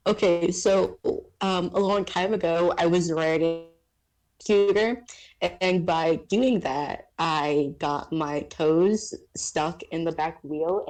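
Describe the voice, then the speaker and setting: Slow, low-voiced woman telling stories. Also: a little mellow, poor audio. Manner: hesitant, many ums. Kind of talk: casual storytelling.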